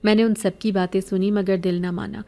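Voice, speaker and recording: Mellow woman telling a horror story. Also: mid-range voice. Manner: even, measured storytelling. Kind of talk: scripted first-person horror narration.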